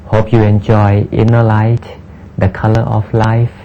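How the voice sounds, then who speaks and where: A man giving calm, measured, scripted narration for a meditation program. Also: fairly low pitch, muffled recording, slight background noise.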